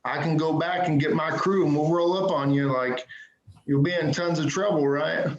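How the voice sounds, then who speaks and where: A man with a fairly high, steady voice delivers self-deprecating stand-up at normal speed over a video call, with punchy jokes and frequent "right?". His computer mic in an echoey room cuts off the highs.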